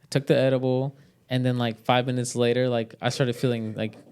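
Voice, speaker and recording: Young guy, podcast storyteller, loose and profane, clear smooth tone. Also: mid-range voice, little pitch movement, a little fast, darkish tone. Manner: rambling, swears a lot, many "like" fillers. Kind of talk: casual storytelling chat.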